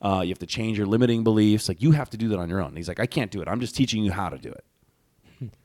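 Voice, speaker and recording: A man's voice: fairly low pitch, fast talker, darkish tone, dry recording. A man from Hawaii, a podcast guest telling rambling stories full of fillers and restarts. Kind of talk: casual podcast chat.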